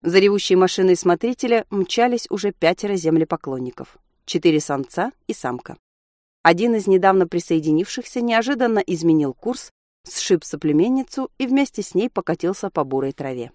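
A woman reading a novel aloud as audiobook narrator, steady and even. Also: on the low side, a little fast, dry recording, studio quality. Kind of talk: scripted narration.

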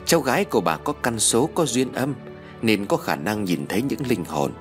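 A kindly old sorcerer speaks in a slow, solemn, husky tone, voiced by a man reading a storybook. His low voice moves with plenty of melodic rise and fall. Soft music plays underneath. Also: animated, close to an everyday voice. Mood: calm. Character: kindly old male sorcerer, calm and wise.

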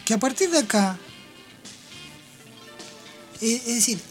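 A woman hosting a radio program, retelling Bible passages in an explanatory, storytelling way with pauses and restarts. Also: fairly high pitch, lively intonation, soft background music. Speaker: radio host. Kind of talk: radio talk on Bible stories.

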